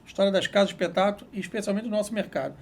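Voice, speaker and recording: Male interview host, high gravelly voice, quick long-winded questions. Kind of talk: interview hosting.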